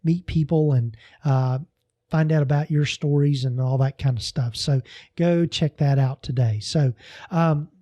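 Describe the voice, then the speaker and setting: Warm, rambling male podcast host. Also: fairly high pitch, measured pace, dry recording. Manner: rambling, many fillers and restarts. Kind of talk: casual podcast sign-off.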